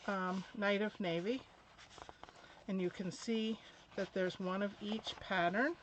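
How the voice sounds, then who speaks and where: A middle-aged woman hosting a live craft product demo, chatty and a little out of breath, laughing between pauses. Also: medium pitch, slight background noise. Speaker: craft demonstrator. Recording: dull lo-fi live stream audio.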